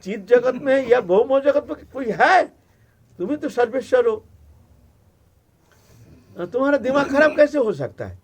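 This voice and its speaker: A man voicing a curious goddess wife who keeps pressing her husband with questions, in a raised pitch. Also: animated, normal speed. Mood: concerned.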